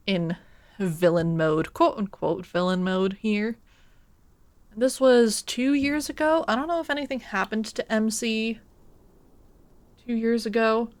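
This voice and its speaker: A woman streaming a video game, reading out story text and commenting on it in an expressive, theatrical way. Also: medium pitch, dry recording. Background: music.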